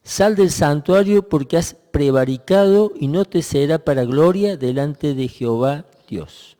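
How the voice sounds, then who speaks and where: A man preaching in a reflective way, his voice fairly high for a man but dark and mellow. He pauses and restarts his sentences as he works through a passage. A long reverb trails behind his voice. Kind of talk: sermon.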